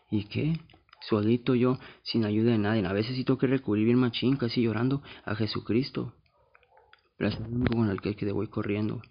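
Brief: podcast host, rough gravelly voice, blunt and confessional, slightly muffled sound. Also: male voice, on the low side, steady tone, moderate pace, slight background noise. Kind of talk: casual monologue.

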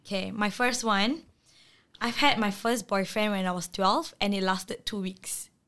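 A young Singaporean woman with a clear, smooth voice at a middling pitch. She talks in a casual, conversational way, with Singlish slang mixed into her English. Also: steady tone, a little slow, a bit bright. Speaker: game participant giving statements.

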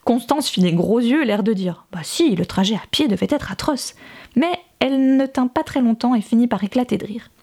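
A woman narrates a novel aloud, her voice sitting a little high yet soft and mellow in tone. She gives each character's dialogue a light, gentle shift of voice while keeping a steady storytelling read. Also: normal speed. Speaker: audiobook reader.

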